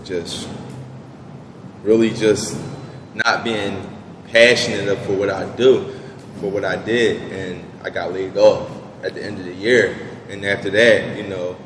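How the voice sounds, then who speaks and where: A young man talks through his story in a relaxed, filler-heavy way. His voice sits low and stays flat in pitch. The recording is roomy with a long echo and steady hum behind him. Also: unhurried. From Southwest Philadelphia. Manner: laid-back, many fillers like "you know". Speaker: business owner guest. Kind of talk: casual interview answers. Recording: echoey room with background noise.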